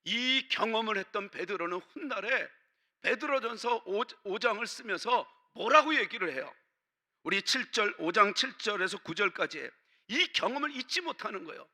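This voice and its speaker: A man's voice: sits high, expressive, moderate pace, pushed and bright. A man preaching a sermon as pastor in a church, emphatic, asking his congregation questions.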